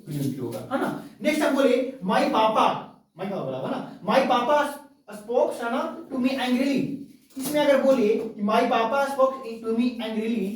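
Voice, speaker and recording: A woman teaching a grammar lesson to a class, repeating each point slowly and asking rhetorical check questions. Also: fairly high pitch, lively intonation, a little hiss or hum. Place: classroom with students. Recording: very echoey room, voice from far off.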